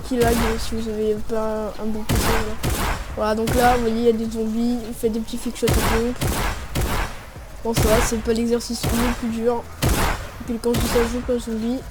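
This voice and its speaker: A young woman who makes gaming videos gives a casual, slangy gameplay tutorial, relaxed as she voices her own shot noises while playing. Her voice is fairly high, and the very noisy audio carries music and gunfire from the game.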